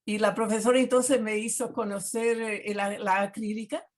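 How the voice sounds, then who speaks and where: An older Brazilian woman, a guest artist, speaks Spanish with a Portuguese accent in a casual interview over a video call, sprinkling in tag questions and chatting expressively. Her voice is medium-pitched, with a flat delivery at a moderate pace.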